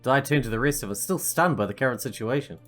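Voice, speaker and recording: A woman's voice: a bass voice, animated, quick pace, faint music behind. A woman doing a let's play, reading game narration aloud and adding casual commentary.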